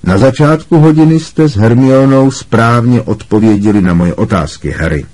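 A man doing a calm, kindly male teacher. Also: medium pitch, natural voice. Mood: warm praising.

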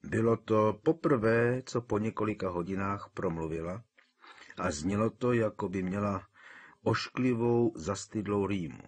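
Husky-voiced man narrating a novel. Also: lowish voice. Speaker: audiobook narrator. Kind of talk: scripted narration.

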